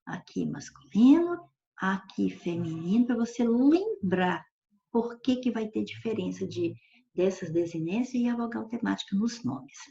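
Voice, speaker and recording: Here a woman teacher speaks in a warm, mid-range voice, patiently lecturing on grammar. Frequent questions check that her students understand, and the audio has a dull lo-fi quality.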